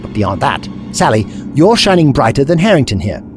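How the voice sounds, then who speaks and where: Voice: mid-range voice, very animated, moderate pace, over music, natural voice. A performer in an audio drama playing the Doctor, an eccentric, kindly time traveller who explains things in a wordy, scholarly way. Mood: earnest, explaining.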